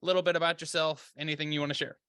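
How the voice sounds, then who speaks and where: A man's voice: fairly high pitch, flat delivery, racing, bright, forceful tone, smooth, dry recording, studio quality. A man hosting a podcast, upbeat and welcoming. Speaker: podcast host.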